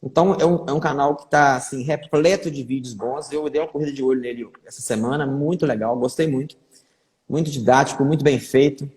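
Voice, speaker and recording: Speaking briskly in a mid-range, slightly mellow voice, this neurologist runs a chatty live-stream interview, peppering his lines with check-ins and repeated fillers such as "né". It sounds like an echoey room with a long reverb tail.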